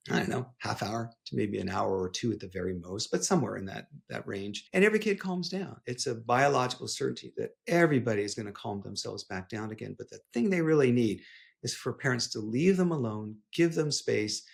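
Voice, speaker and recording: A middle-aged man with a gravelly, creaky voice talks through his parenting advice in an easy conversational way. He is animated and playful and slips into little acted-out exchanges. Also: mid-range voice, a little fast. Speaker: clinical psychologist, podcast guest. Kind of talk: conversational interview.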